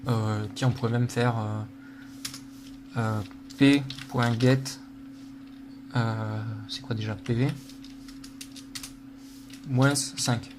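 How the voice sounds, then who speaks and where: A man gives a casual programming lesson while working at his computer, thinking out loud with plenty of fillers and poking fun at his own mistakes. His medium-pitched voice holds a steady tone, drawing out words between long pauses. The background is noisy.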